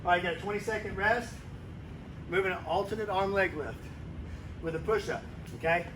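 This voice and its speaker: A man's voice: high-pitched, brisk, distant mic. Barking male gym coach, noisy recording. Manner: energetic, exercising while instructing. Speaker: fitness coach leading a workout. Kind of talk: instructional circuit workout coaching. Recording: noisy room with gym ambience.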